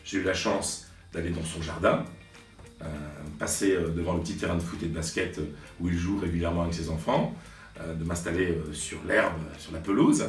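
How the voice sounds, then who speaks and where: This deep-voiced sports journalist, a man in his late forties, reflects on his stories for the camera, speaking slowly and hesitantly with many pauses, fillers and restarts. He's recorded from a bit of a distance in a roomy space, faint music playing underneath.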